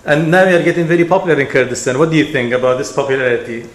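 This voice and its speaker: Male host, hesitant questioner who stumbles and repeats, recorded in a roomy space. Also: fairly high pitch. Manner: halting, repeats words while asking. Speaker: interviewer. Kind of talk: casual interview questions. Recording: echoey room, faint noise.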